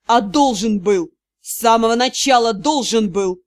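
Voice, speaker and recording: A woman voicing a weary, gruff male magister who growls out curt, tired lines, in a storybook reading. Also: very high-pitched, a little slow, no room sound. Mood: grim.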